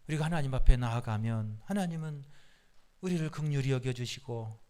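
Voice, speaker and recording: A man's voice: mid-range voice, mellow. A male pastor preaching a sermon with passion, hammering on repeated rhetorical questions and calling out hallelujah. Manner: impassioned, repetitive rhetorical questions, calls of hallelujah.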